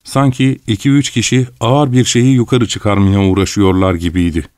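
A man narrating a story in a measured, unhurried way. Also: lowish voice, flat delivery, a little mellow, clear, resonant tone, dry recording, clean studio sound. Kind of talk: audiobook narration.

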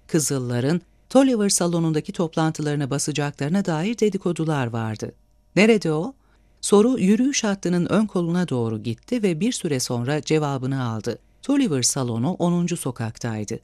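A man reading a novel aloud as an audiobook narrator, with measured, expressive storytelling. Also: a little high, no room sound, studio quality. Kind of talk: scripted narration.

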